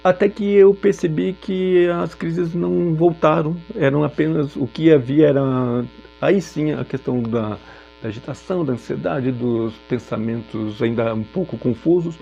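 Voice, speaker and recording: A man from Brazil sharing a personal testimony in a reflective, halting way with frequent filler pauses. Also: fairly high pitch, creaky, dark tone, dull audio, faint music behind. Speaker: speaker sharing a personal story.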